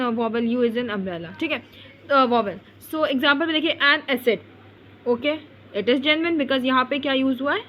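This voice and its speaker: A woman teaches grammar in an online lesson, her voice bright and fairly high. She repeats words as she explains and stops to restart herself. A faint hum sits underneath the recording. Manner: repeats words to explain, many fillers and restarts, mixes English into Hindi.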